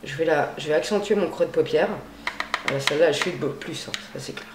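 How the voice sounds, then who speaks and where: A woman's voice: low voice, a little fast, a little hiss or hum. A woman beauty vlogger chatting casually and gushingly through a makeup tutorial, full of slang. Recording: roomy echo.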